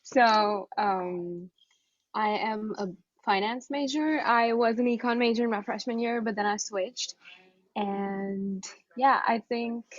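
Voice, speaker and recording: A woman's voice: medium pitch, dry recording. This is a woman from India, introducing herself with nervous giggles on a video call. The audio is dry, dull and lo-fi. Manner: giggly, self-conscious. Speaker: finance student. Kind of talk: casual self-introduction.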